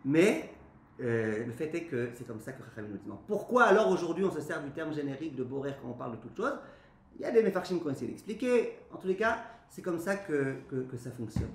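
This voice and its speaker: A man, a rabbi, giving a lively spoken lesson to a class, often asking his listeners questions and then answering them himself. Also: a little high, brisk. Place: classroom with a live audience. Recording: echoey room, faint background noise.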